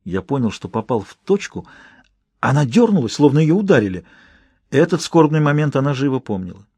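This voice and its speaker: Guy reading a novel out loud, first person, calm, husky, dry close sound. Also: mid-range voice, brisk, dry recording. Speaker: audiobook narrator. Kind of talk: first-person audiobook narration.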